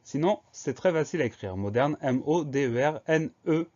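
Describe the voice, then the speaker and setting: A man teaching a spelling lesson, explaining each word calmly and spelling it out letter by letter. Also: a little high, normal speed. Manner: patient, methodical, spells out letter by letter. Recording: slightly dull lo-fi recording.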